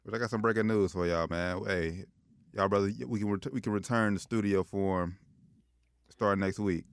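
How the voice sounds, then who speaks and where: Smooth, low-voiced male sports talk host. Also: steady tone, moderate pace, dry recording, studio quality. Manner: slangy, repeats phrases for emphasis. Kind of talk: casual sports banter.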